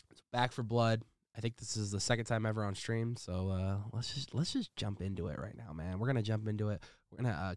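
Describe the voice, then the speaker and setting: A man's voice: lowish voice, no echo, clean studio sound. A man hosting a gaming livestream in casual, upbeat chat, heard through a headset microphone. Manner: upbeat, laid-back, tags phrases with "man".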